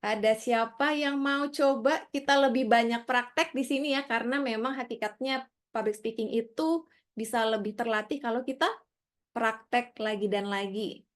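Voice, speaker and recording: A woman's voice: fairly high pitch, normal speed. A woman leading an online public speaking workshop over a video call, friendly and coaxing as she calls on participants.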